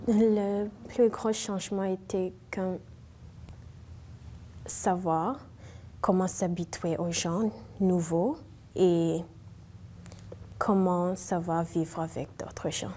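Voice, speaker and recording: A woman's voice: fairly low pitch, fairly even intonation, slow pace, pauses often, dark tone, a little hiss or hum. A young newcomer woman speaking thoughtfully in a documentary interview.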